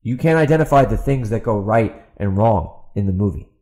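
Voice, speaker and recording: Here a podcast host and author vents in a fairly low, dark-toned voice, talking fairly quickly and with animation. The off-the-cuff opinion monologue is exasperated and sarcastic, driven by emphatic repetition and rhetorical questions to an opponent not in the room.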